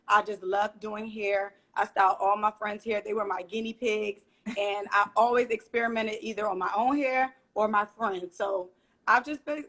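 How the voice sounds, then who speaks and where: A woman with a medium-pitched, fairly bright voice speaks in a friendly, informal way as an interview guest. Born in Trinidad and Tobago and raised in Philadelphia, she has an American accent and works as a small business owner and hairstylist, chatting casually.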